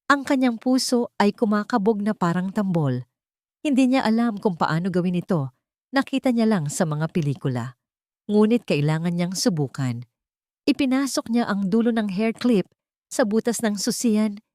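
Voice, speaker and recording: In a dry, clean studio recording, a woman with a Filipino accent narrates a dramatic audio story and voices the characters' lines herself. Her voice is medium-pitched with a darkish tone, lively intonation, and a moderate pace.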